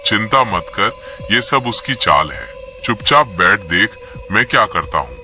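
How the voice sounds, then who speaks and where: A man's voice: lowish voice, animated, a little slow, music in the background. A man playing a stern older exorcist who gives orders in a commanding, paternal way.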